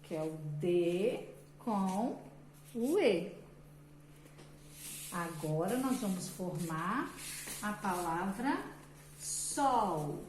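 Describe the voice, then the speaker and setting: A woman teaching children to read, sounding out syllables slowly and patiently. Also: medium pitch, expressive, darkish tone. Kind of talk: children's literacy lesson. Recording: echoey room with faint background noise.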